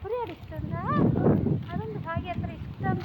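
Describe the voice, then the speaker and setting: Mom vlogger, high voice, coaxing questions to a small child, loud background noise. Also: female voice, normal speed. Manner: coaxing, asks gentle questions. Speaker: vlogger mother. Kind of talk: casual chat with her toddler.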